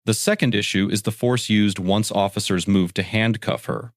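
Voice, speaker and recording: A man narrating a scripted legal explainer in a measured, factual way. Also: on the low side, fairly even intonation, no echo, clean studio sound.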